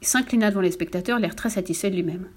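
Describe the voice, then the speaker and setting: A woman narrating a children's storybook with a lively, expressive reading. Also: medium pitch, racing, slightly rough.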